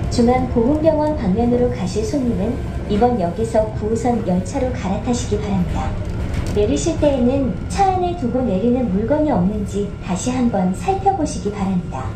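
A woman making a polite, formal recorded announcement over a train loudspeaker. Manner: polite, formal, evenly paced. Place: inside a moving train car. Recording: echoey train car with loud rumble.

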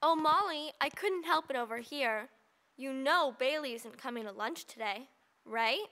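A woman's voice: high-pitched, animated, a little slow, pushed and bright, heavily acted. A woman voicing a snooty, scheming teenage mean girl in a cartoon, smug and mock-sweet as she taunts. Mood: sly. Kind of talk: animated series voice acting.

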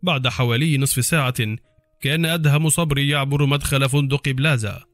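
A man narrating a spy novel in an even, measured storytelling way. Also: mid-range voice, dry recording, faint music behind. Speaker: audiobook narrator.

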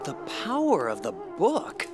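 A man's voice: fairly high pitch, wildly swooping pitch, a little slow, music in the background. An actor playing a cocky young male hedgehog hero in a video game, casual, flippant and wisecracking. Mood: casual confidence. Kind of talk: video game cutscene acting.

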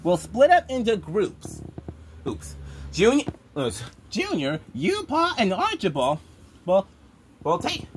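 A woman voicing a cheerful tomato character who leads his friends in a fan-made puppet show, talking haltingly with many restarts. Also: mid-range voice, wildly swooping pitch, slight background noise. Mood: bossy.

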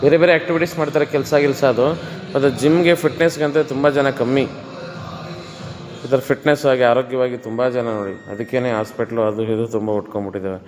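A man's voice: medium pitch, fairly even intonation, fast. A man coaching a client through a gym workout, counting reps and coaxing her on. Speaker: gym trainer. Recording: echoey room with music behind.

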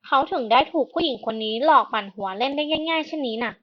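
A woman's voice: sits high, lively intonation, fast, muffled recording. A woman voicing a cheeky young noble sister. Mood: pleading.

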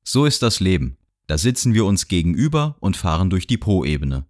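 A man voicing a talkative middle-aged gentleman on a train who rambles and lectures cheerfully. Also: low voice, big pitch swings, normal speed. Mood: chatty. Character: chatty middle-aged gentleman traveler, boastful and nosy. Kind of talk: audiobook character voice. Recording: dry studio sound.

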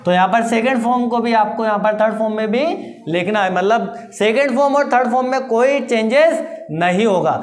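A teacher giving a grammar lesson, asking rhetorical questions, answering them and slowly repeating each answer. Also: mid-range voice. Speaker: English teacher. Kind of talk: classroom-style grammar lesson. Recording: roomy echo with faint background noise.

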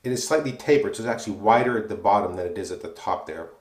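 A man from North Carolina reviewing shaving products in a relaxed, chatty way, with frequent fillers and asides. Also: lowish voice, fast. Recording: echoey room.

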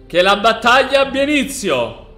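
A man's voice: very high voice, sing-song, normal speed, bright, forceful tone. A young man, speaking emphatically as a game streamer announcing an event. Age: young adult. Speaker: streamer hosting a game role-play event. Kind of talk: casual gaming stream chat with loud announcements. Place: small room at home. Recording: roomy sound with music behind.

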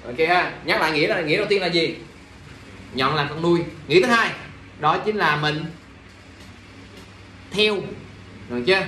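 Young male English teacher, high voice, quizzing the class, echoey room, mic well across it. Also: normal speed, pauses often, pushed and bright, far from the mic, slight background noise. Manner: drills pronunciation, quizzes students, exasperated asides. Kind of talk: classroom English vocabulary lesson.

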